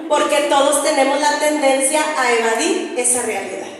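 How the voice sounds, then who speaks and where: A woman's voice: high voice, normal speed, a little hiss or hum. A middle-aged woman preaching earnestly to a women's group and having them read along. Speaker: preacher and singer. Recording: echoey hall, distant mic, faint ambience.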